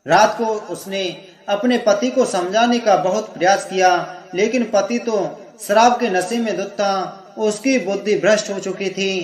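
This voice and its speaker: A man narrating a devotional story in a measured, reverent way. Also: high-pitched. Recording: echoey room.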